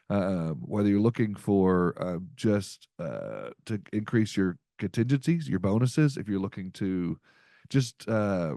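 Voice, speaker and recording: Hosting a casual podcast chat with ad reads, this man speaks in an upbeat, folksy manner full of fillers. His voice is fairly low in pitch with a dark tone, captured at studio quality with no echo.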